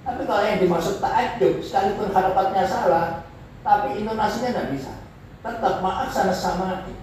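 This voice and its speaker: A man lectures a class in a fairly high voice, working through Arabic phrases slowly and repeating them to show their rise and fall. He sounds far from the mic, in a very echoey room with a faint hiss underneath. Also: a little mellow. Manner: explains slowly, repeats Arabic phrases with rising and falling intonation. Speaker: teacher of Arabic grammar.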